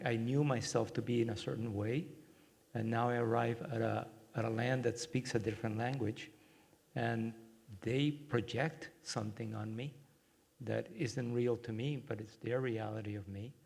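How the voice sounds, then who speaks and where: A man from Cuba giving a workshop talk and guiding a short meditation, speaking gently and reflectively with many pauses. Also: mid-range voice, vocal fry. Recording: long hall reverb.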